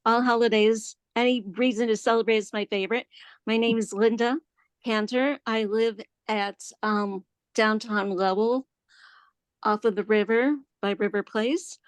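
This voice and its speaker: A woman's voice: on the high side, steady tone, unhurried, clear, resonant tone, no room sound. Chatty woman on a video call. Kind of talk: introducing herself at a meeting.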